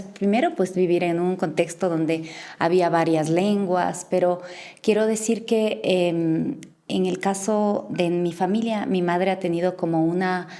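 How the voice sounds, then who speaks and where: A woman from Ecuador's Imbabura highlands, answering interview questions in a measured, reflective way with frequent pauses. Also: mellow. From Ecuador, Imbabura province. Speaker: interview guest.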